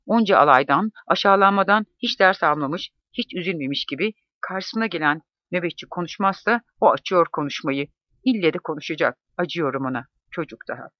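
A man narrating a first-person memoir in a measured, reflective reading. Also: on the high side, dry recording. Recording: dull, dry close-mic recording.

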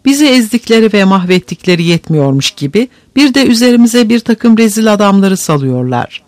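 A man's voice: high-pitched, sing-song, fairly quick, darkish tone, dry recording. A man reading the part of a proud, desperate young plantation woman in an audiobook, in exclaiming, anguished lines.

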